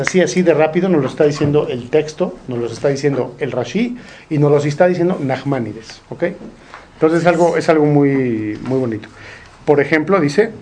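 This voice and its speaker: A man's voice: on the high side, a little mellow, a little hiss or hum. A man teaching a Torah study group, asking questions and translating Hebrew quotes. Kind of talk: informal study-group lesson.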